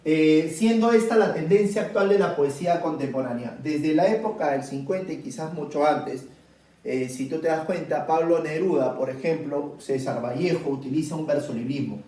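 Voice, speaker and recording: A man's voice: fairly high pitch, dark tone. A man teaching a poetry lesson, explaining step by step and often checking whether the students follow. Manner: explains slowly with repeated checks like "¿bien?". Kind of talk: classroom lecture on poetry. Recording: very echoey room, mic at a distance.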